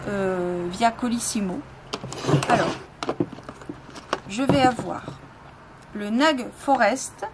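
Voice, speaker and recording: Slow, hesitant woman with a noisy recording. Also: on the high side. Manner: slow, hesitant, many fillers and self-corrections. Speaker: spiritual seller showing items for sale. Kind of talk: casual product show-and-tell.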